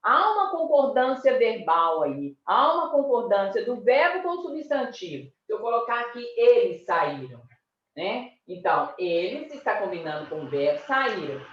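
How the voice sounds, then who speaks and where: A woman with a Brazilian Portuguese accent teaching a primary school class, speaking slowly, repeating words and stressing syllables. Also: on the high side, very animated. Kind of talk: recorded class lesson. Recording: echoey room, distant mic, dull sound.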